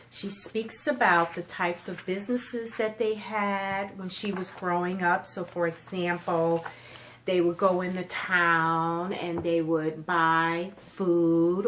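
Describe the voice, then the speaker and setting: A storytime host for children reviews books in a slightly low voice, keeping her explanations simple and asking her young audience easy questions. A little hiss or hum is present.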